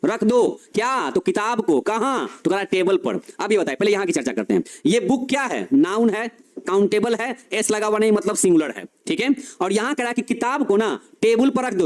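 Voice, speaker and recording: A man's voice: high voice, darkish tone. A man teaching a grammar class, explaining rules with lots of repetition and questions put to the students.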